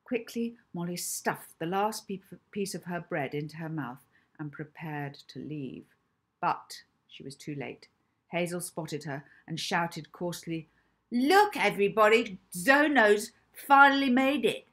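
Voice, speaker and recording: Low husky lady reading her own kids book out loud, really telling the story. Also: a little slow. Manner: animated storytelling, acting out lines. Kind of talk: expressive audiobook narration.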